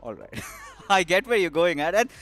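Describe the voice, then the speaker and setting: A man with an Indian English accent, a guest analyst who talks excitably and hesitantly, with many fillers. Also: sits high, moderate pace, faint music behind. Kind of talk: esports analyst desk commentary.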